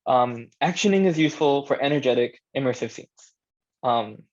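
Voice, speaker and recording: A man who directs audio drama presents an informal workshop, talking conversationally, thinking out loud and checking in with his listeners. His voice is mid-range and animated at a moderate pace, and the recording sounds dull, lo-fi and band-limited.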